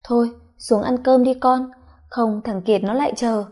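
A woman voicing a middle-aged mother-in-law who is gruff and curt but caring. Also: a little high, steady tone, unhurried, a little mellow. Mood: soothing.

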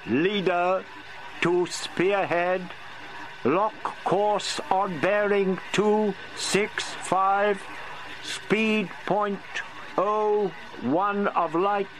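A man reading an audiobook, voicing a powerful insect alien leader giving slow, commanding orders over a distant, static-filled radio. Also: high voice, steady tone, fairly bright tone, voice pushed up, heavily acted. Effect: static-speckled distant radio transmission.

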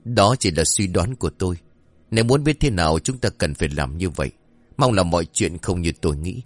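Shrewd male master, calm and measured, deep low voice, from a storyteller, dry. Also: dry recording, soft background music. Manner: quiet, measured.

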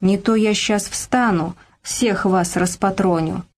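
A cantankerous old grandmother grumbles and scolds in a creaky, grating voice, as a woman narrator puts her on. She is quarrelsome and sharp-tongued, an audiobook figure of a stubborn old woman. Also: medium pitch, slow pace. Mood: scolding.

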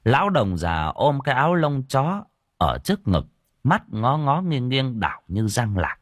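A man narrating an audiobook story in an expressive telling. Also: medium pitch, a little slow, dry recording, studio quality. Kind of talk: scripted narration.

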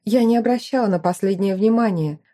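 A woman narrating a first-person novel as an audiobook, in an expressive, emotive reading style. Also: mid-range voice, brisk.

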